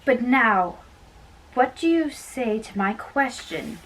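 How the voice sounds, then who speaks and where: With a slightly high voice and lively intonation, a female reader performs in an amateur play reading, stumbling a little at times. The mic was some distance away, and background noise comes through.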